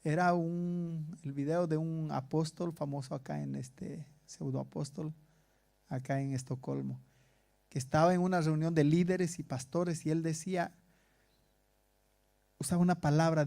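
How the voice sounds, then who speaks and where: A man's voice: on the high side, gravelly, dark tone. A pastor preaching a sermon to his congregation in a conversational way, asking rhetorical questions. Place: church in Stockholm.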